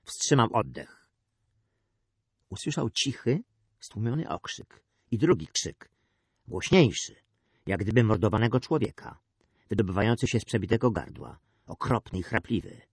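A man narrating an adventure story in a measured storytelling manner. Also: fairly low pitch, big pitch swings, husky, no room sound, studio quality. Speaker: audiobook narrator. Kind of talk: scripted narration.

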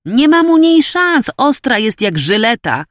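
A woman's voice: on the high side, big pitch swings, measured pace, fairly bright tone, no echo, clean studio sound, voice pushed up. A woman reading an audiobook and voicing a crude, teasing young male student who talks in slang. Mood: mocking. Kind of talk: audiobook character voice.

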